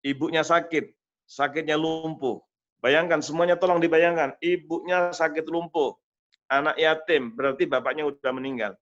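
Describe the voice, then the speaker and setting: A man's voice: a little high, fairly even intonation, normal speed, fairly bright tone, lo-fi sound. A man preacher telling a moving story in a sermon, repeating phrases and pious exclamations. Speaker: Islamic preacher.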